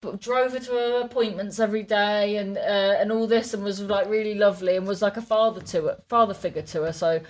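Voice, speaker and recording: A woman's voice: medium pitch, steady tone, fast talker, few pauses. A woman co-hosting a comedy podcast, telling rambling stories in casual chat with frequent self-corrections and giggles. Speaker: podcast co-host.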